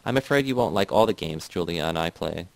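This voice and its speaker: Affectionate gentle woman, read by a man, low voice. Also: lively intonation, brisk, gravelly, dry recording. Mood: warm.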